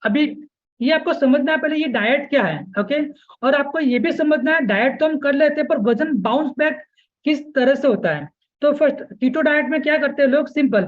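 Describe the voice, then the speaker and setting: A man's voice: very high voice, phone-quality sound. A man coaching weight loss in a live online webinar, mixing English into his Hindi and checking in with "okay?" again and again. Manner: keeps checking in with listeners, repeating "okay?" and "yes"; mixes English words into Hindi speech.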